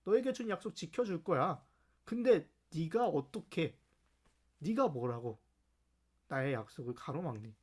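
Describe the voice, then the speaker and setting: A man speaking as God, a stern yet patient divine father who scolds his servant firmly. The voice drops lower and weighs each point, as in a church lesson. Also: expressive, unhurried, pauses often, a little mellow, breathy edge. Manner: firm, scolding.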